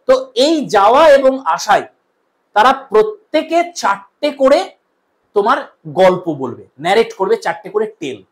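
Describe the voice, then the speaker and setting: A woman tutor with a West Bengal Bengali accent, giving an exam-prep lecture, dictating notes and slowly repeating key points. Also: mid-range voice, very animated. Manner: addresses viewers as friends, asks checking questions. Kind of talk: classroom lecture.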